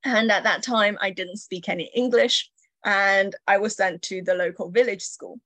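A female entrepreneur from China, a guest in an interview, tells stories in a warm, reflective way with light laughs. Her medium-pitched voice stays steady at a moderate pace. The close mic is dry, with no echo.

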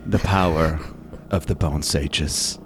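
A man's voice: a bass voice, slow, slight background noise. A man voicing a gaunt, cold, smug male villain in a tabletop game, speaking in a mocking, menacing way. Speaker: villain played by the game master.

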